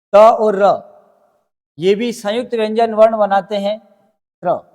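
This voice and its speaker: A man with a high voice teaching a grammar lesson. He explains each point step by step, putting questions to his students and answering them himself. A long reverb hangs on his voice from the room. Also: darkish tone.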